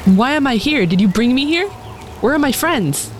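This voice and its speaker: A woman's voice: fairly low pitch, moderate pace, close to an everyday voice. A woman playing a good-hearted, defiant female adventurer in a tabletop game, speaking in an earnest, questioning and emphatic way. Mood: wary, demanding. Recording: faint rain noise behind.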